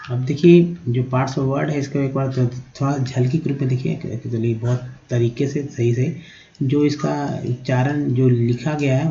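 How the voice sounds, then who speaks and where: Very dark-voiced man teaching phonics. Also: medium pitch, a little hiss or hum. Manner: explains letter by letter, repeating sounds and asking "है ना?". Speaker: English teacher. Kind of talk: Hindi-language phonics lesson. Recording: dull lo-fi recording.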